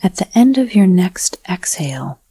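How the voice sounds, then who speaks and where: A woman whispering a slow, soothing guided breathing meditation. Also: fairly low pitch, sing-song, dark tone, breathy edge, no echo.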